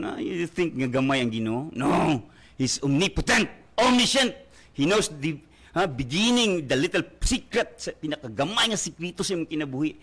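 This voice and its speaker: A Filipino-accented male pastor preaching a radio sermon in a bright, forceful voice that sits a little high. He keeps prodding his listeners with "ha?" and breaks into loud calls to rise. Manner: fervent preaching with constant "ha?" tag questions; bursts into loud exhortations.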